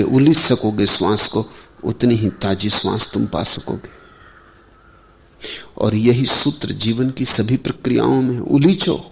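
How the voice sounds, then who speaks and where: A man delivers a spiritual discourse in a slow, measured way, with long pauses between short phrases. His voice is mellow and dark, with a gravelly edge. He often turns to his listeners with rhetorical questions. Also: mid-range voice, slight background noise. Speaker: spiritual teacher.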